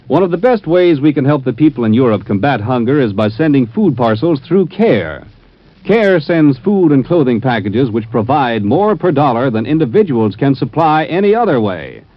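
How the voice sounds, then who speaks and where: A man making formal radio announcements, heard from an old transcribed broadcast disc, with a crisp, emphatic delivery. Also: mid-range voice, dry recording, lo-fi sound.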